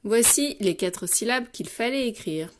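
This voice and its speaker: Slow, patient woman teaching dictation. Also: fairly high pitch, expressive, slight background noise. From France. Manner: slow, clear and patient, addressing the child directly. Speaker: primary school teacher. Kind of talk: dictation lesson for young children.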